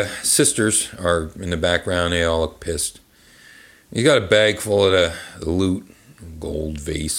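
A man's voice: sits low, a bit bright, husky. A man hosting a comedic live reading of a children's book in a bar, rambling into crude asides with many fillers.

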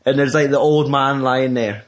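A man's voice: medium pitch, steady tone, normal speed. A young Scottish man chatting casually about a film, sweary and rambling, often laughing as he retells scenes. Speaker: podcast co-host. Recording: dull lo-fi recording.

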